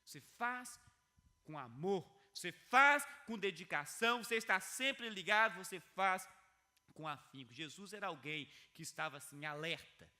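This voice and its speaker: In an earnest video sermon, a male pastor repeats key phrases for emphasis, moving between quiet, low stretches and loud, high ones. His delivery is expressive and his pace moderate.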